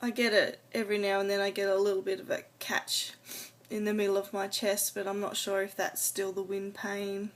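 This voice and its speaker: An adult woman talking casually to camera in a personal vlog, rambling a little hesitantly and trailing off. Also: mid-range voice. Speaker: vlogger. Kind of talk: casual personal video diary.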